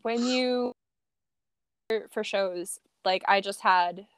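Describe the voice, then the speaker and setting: A woman's voice: medium pitch, extremely slow, smooth, no echo. Woman chatting casually, dry sound. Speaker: podcast guest, amateur performer and cosplayer. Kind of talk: casual chat.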